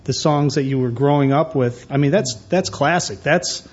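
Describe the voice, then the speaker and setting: A man's voice: a little high, moderate pace, slightly rough. A man hosting a live jazz radio show from a venue, asking questions in a casual, joking way with many fillers. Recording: slightly dull lo-fi sound.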